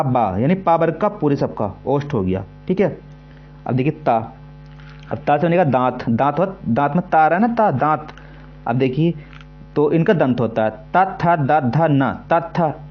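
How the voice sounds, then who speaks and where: A man's voice: a little high, dull audio. Male Hindi tutor drilling syllables. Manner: repetitive, keeps asking "है ना" and "ठीक है"; sounds out syllables slowly to demonstrate. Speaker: teacher. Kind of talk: exam-prep lesson.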